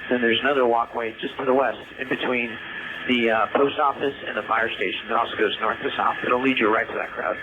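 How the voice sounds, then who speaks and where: A police officer talking over a police radio transmission, giving steady, detailed directions with frequent hesitations. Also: male voice, medium pitch, fairly quick. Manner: steady, explanatory, with frequent "uh" fillers. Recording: tinny scanner radio with static.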